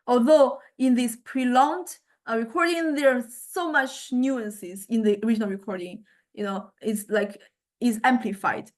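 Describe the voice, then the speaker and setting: A woman with a fairly high-sitting voice lectures while showing how some software works. She falters as she goes, repeating herself and searching for the correct word.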